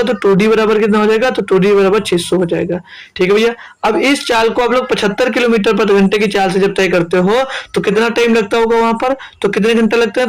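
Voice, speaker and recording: A young man from India runs an exam-prep maths class, his voice sitting notably high. He keeps repeating each step and answering his own questions as he works through the problems. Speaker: maths teacher.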